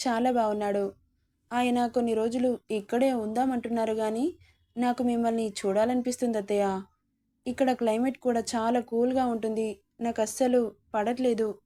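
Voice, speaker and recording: A gentle young wife, voiced by a woman reader, speaks with quiet devotion. Her tone is mellow and sits fairly high, in a storybook reading. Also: fairly even intonation, normal speed, lightly acted.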